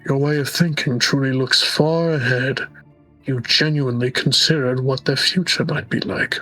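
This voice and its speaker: A man voicing a flattering male royal advisor, reading game dialogue aloud in a measured way. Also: mid-range voice, soft background music, rough recording. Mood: admiring.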